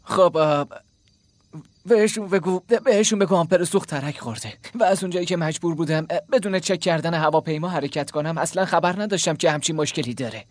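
An actor voicing a hunted male smuggler pilot who is nervy and quick-tempered, pleading and swearing in dubbed game dialogue. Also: fairly high pitch, no room sound, close to an everyday voice. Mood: defensive.

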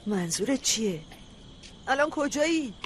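A woman's voice: high voice, big pitch swings, a little hiss or hum. A prying, worried mother. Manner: scolding, pressing with questions. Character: anxious, suspicious middle-aged mother. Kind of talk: dubbed drama acting.

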